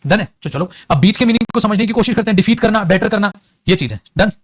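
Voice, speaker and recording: High-voiced Indian man teaching English. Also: expressive. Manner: coaxing, repeats example sentences slowly, calls students beta and bhai. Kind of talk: classroom lesson.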